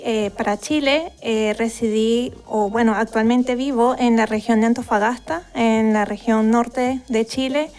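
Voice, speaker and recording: A young woman with a Venezuelan accent, answering interview questions as a guest researcher, pausing often with fillers. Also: fairly high pitch, darkish tone, clean tone. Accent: Venezuelan Spanish. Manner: hesitant, many fillers. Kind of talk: podcast interview.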